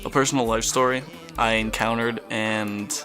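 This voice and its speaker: A man's voice: medium pitch, fairly even intonation, moderate pace. Slangy teenage guy with music behind him. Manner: slangy, mild swearing, rambling. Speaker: gameplay commentary video creator. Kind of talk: casual story-telling commentary.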